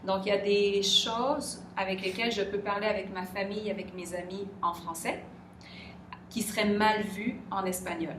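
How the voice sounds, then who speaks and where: A middle-aged woman from Quebec, with a Québécois French accent, answers questions thoughtfully and reflectively, often pausing to search for the right word. Her mid-range voice is steady and a bit bright. She sits some distance from the mic in a roomy, echoing space, with clear background noise throughout.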